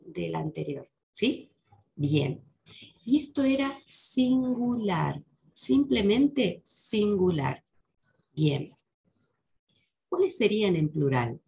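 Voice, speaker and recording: Unhurried woman teacher with gravelly voice. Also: medium pitch, darkish tone. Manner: patient, slows down to model English words. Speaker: English teacher. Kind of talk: lesson explaining English for Spanish speakers.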